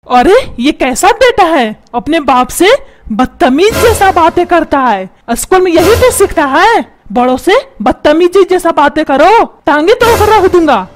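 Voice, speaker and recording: A woman voicing a short-tempered middle-aged cartoon father who yells and scolds his family. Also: very high voice, expressive, a little slow, slight background noise. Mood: angry. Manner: yelling, scolding, self-pitying. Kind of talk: cartoon voice acting. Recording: music playing underneath.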